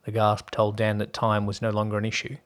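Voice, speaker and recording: Man narrating in a low, flat voice. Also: a little fast. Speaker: podcast host and story narrator. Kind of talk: scripted story narration.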